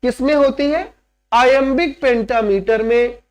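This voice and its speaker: High-pitched male literature teacher. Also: a little slow, clear, resonant tone. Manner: explains step by step, often checks understanding with "right?"; mixes English terms into explanations. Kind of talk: classroom lecture.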